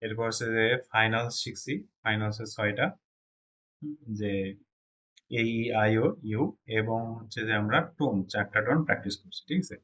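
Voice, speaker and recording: A man's voice: on the low side, normal speed, a bit bright. A man from Bangladesh teaching a Chinese pronunciation class, explaining step by step and often checking that the students follow. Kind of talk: classroom lesson.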